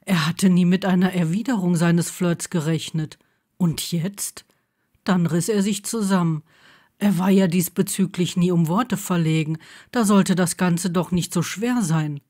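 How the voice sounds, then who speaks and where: Slow, low-voiced woman reading aloud. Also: warm tone. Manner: slow, measured, intimate reading. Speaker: audiobook narrator. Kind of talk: scripted audiobook narration.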